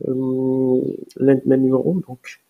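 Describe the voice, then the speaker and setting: A man walking viewers through software step by step in a screen-recorded tutorial, hesitant with many fillers and restarts. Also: mid-range voice, completely flat delivery, takes it slowly, vocal fry, narrow, tinny audio. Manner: explains step by step, addressing viewers directly. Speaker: tutorial presenter.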